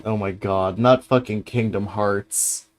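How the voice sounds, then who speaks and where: A man hosts in a loose, casual way, thinking out loud. He talks slowly, in a hesitant mutter, and swears freely. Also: fairly low pitch, fairly even intonation, faint music behind. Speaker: livestream host reacting to videos. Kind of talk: casual chat, thinking aloud.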